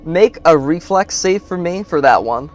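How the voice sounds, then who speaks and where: A man's voice: a little high, lively intonation. A man running a tabletop game, narrating scenes with some fillers. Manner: unhurried descriptive narration with fillers. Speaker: game master.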